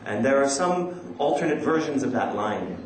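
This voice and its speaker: This academic, a man with an expressive mid-range voice, presents a scholarly paper with poetry recitation in a large indoor conference hall. His manner is measured, somewhat hesitant and self-deprecating, and he is not a native speaker of the Urdu he quotes. The hall is echoey, with background noise.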